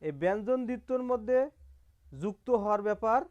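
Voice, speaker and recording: A man's voice: high-pitched, fairly quick, darkish tone, lo-fi sound. A man teaching grammar over slides, explaining step by step and repeating key terms, asking questions and answering them himself. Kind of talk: online slide lesson.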